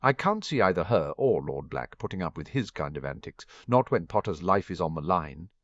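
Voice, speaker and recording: Man putting on a posh sensible lady auror, crisp, muffled dry audio. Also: low-pitched, very animated, moderate pace, no echo. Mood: brisk. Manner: crisp, upper-class. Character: sensible young woman Auror, crisp and practical.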